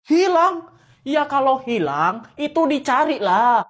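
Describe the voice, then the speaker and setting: A man performing short comedy sketches, playing every role with loud, bickering, exaggerated delivery. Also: extremely high pitch, normal speed. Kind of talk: comic sketch acting, many roles.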